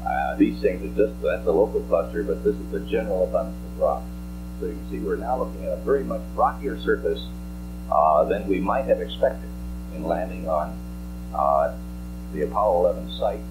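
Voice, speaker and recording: A man with a low voice lectures through a slide presentation. He explains technical detail in a halting, deliberate manner, on an archival recording with hum and musical tones underneath. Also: expressive, music in the background, poor audio. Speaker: scientist presenting slides at a press briefing. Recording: archival press-conference audio with hum.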